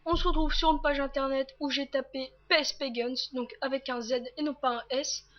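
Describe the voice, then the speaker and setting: A woman hosting a casual tech tutorial, talking viewers through each step in a chatty way with lots of fillers and quick self-corrections. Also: high voice, steady tone, highs cut off. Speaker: tutorial host.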